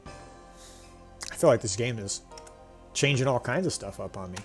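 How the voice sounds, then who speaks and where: A man's voice: mid-range voice, lively intonation, unhurried, faint music behind. Joking male game streamer. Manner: joking, bemused asides. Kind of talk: live game stream commentary.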